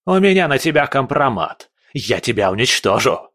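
A man voicing a furious, panicking prince who yells indignant outbursts in a dry recording. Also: lowish voice, animated, slow, no room sound, heavily acted.

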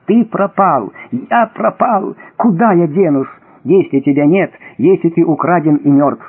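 A man's voice: a little high, measured pace, husky. A man voicing a distraught eldest brother, crying out and pleading in anguished bursts. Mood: despairing. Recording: thin phone-like audio.

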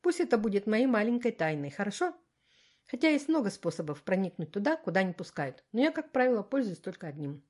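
A woman reading the lines of a confident, caring young man in a storybook, in her own calm voice. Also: mid-range voice, a little fast.

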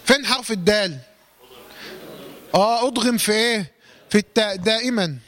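A man with an Egyptian accent teaching a Quran recitation lesson. He asks questions and answers them himself, and draws out recited words slowly. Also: high voice, a bit bright. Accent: Egyptian Arabic. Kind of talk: classroom tajweed lesson.

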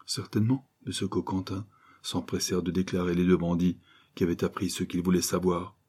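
A man reading a novel aloud as a narrator, measured and storytelling. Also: deep voice, monotone, a little mellow, slightly rough. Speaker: audiobook narrator. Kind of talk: scripted narration.

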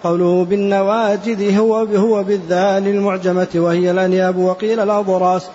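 A man reading a classical text aloud to his teacher in a steady recitation, spelling out vowel markings word by word. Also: high-pitched, fairly quick, faint music behind. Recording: dull lo-fi lecture recording with faint hiss.

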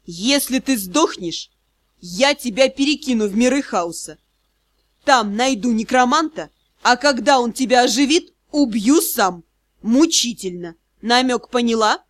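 A woman's voice: a little high, lively intonation, measured pace, fairly bright tone, no room sound, clean studio sound. A woman voicing a stern, sarcastic male headmaster of a magic school who drawls threats and mockery. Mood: menacing. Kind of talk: audiobook character voice.

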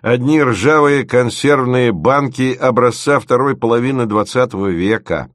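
A man voices an earnest, eager young male student intern, pitching above his own natural voice and acting it only lightly. His mid-range delivery moves at normal speed, captured in a dry, studio-quality recording.

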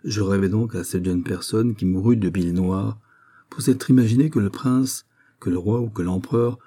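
A sly, teasing young court lady from a storybook reading, voiced by a man who lifts his pitch for her. The voice underneath stays dark and husky, and the irony keeps coming through. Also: moderate pace. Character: mocking young lady-in-waiting, teasing and ironic.

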